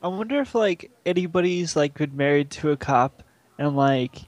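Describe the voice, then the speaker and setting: A man chatting casually on a podcast, laughing often and talking haltingly with lots of fillers. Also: on the high side, animated, no echo. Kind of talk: casual chat.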